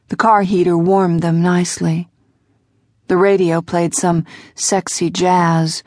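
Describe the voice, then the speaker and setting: A woman narrating an audiobook in measured, even storytelling. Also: fairly low pitch, no room sound, studio quality. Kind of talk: scripted narration.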